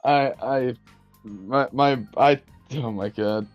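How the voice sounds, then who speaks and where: A man's voice: mid-range voice, slow, no room sound, faint music behind. A man rambling and hesitating as a tabletop game player on a voice call. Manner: rambling, hesitant, many fillers. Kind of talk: casual chat on a voice call. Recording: dull lo-fi call mic.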